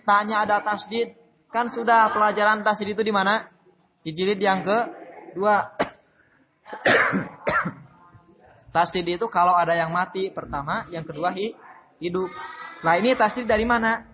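High, bright-voiced man teaching a lesson. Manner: explains patiently, repeats points, asks the class questions. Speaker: Quran recitation teacher. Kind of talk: recorded study-circle lesson. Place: religious boarding school classroom.

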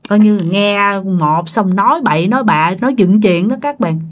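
A woman's voice: medium pitch, moderate pace. A woman with a Southern Vietnamese accent telling a ghost story in a loose, chatty way, often speaking straight to her listeners. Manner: chatty, addresses listeners directly, many fillers. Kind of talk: casual spoken ghost story.

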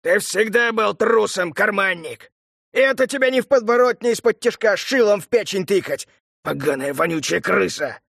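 A man voicing a brutal, furious male crime boss who snarls and shouts, in a storybook reading. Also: high-pitched, expressive, creaky, dry recording, studio quality, pitched above the performer's own voice, exaggerated voice. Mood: enraged. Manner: snarling, shouting, drawn-out threats.

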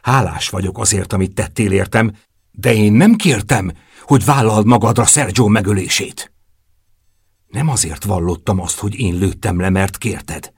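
A man's voice: on the low side, husky, no echo, clean studio sound. A man voicing a bitter, furious young woman in an audiobook, with a raised, accusing delivery.

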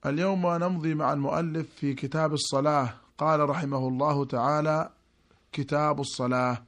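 Male radio host, brisk formal standard Arabic presentation of a religious program. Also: a little high, steady tone, a bit bright.

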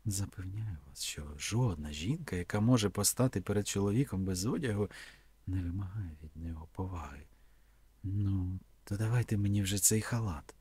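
Flirtatious, teasing woman, husky and close, read by a man. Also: low voice, animated, normal speed, a little mellow, no echo, exaggerated voice. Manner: coy, teasing, sometimes whispered.

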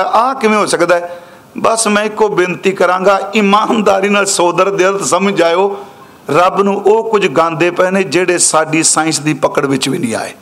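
A Sikh preacher gives a katha sermon expounding scripture, chanting each quoted verse slowly before explaining it in quicker speech. His voice is high and fairly bright, and he addresses his listeners directly as an audience.

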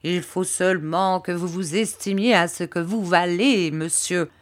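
A woman's voice: fairly low pitch, unhurried, close to an everyday voice. A woman reading a fussy, nosy, motherly landlady in an audiobook, sentimental and insistent, repeating herself. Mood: coaxing.

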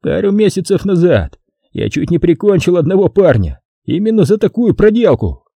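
A man's voice: high voice, very animated, moderate pace, creaky, dark tone, dry recording, voice pushed up, full character voice. A man reading aloud, voicing a huge, jealous young man who growls at a stranger. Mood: belligerent. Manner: growling, belligerent.

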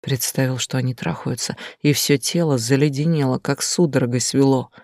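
A hot-headed young lover brooding over his jealousy, read by a man. He speaks low and bitter. The voice is dry and close. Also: steady tone, normal speed, a little mellow, dry recording, close to an everyday voice.

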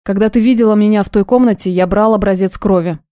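A woman voicing a calm, measured male mutant who speaks persuasively in an audiobook. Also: mid-range voice, no echo, clean studio sound, close to an everyday voice. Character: calm male mutant wearing a man's face.

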